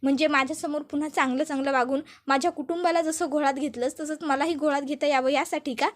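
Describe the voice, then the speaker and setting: A woman voicing an enraged middle-aged father who shouts and scolds in a serial recap. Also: high voice, steady tone, a little fast, close to an everyday voice. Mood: angry shouting. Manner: yelling, scolding.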